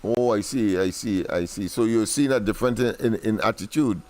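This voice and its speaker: A man's voice: on the low side, a little fast, darkish tone. A man hosting a political talk show, speaking in formal phrases with frequent hesitations and restarts. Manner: hesitant, many fillers and restarts, formal wording.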